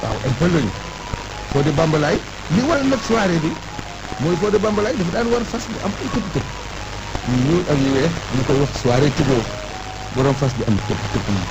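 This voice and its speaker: Acting as an oral historian in conversation, a man recites history and lists of names emphatically. His fairly high voice is sing-song and brisk, heard through muffled lo-fi audio with music behind.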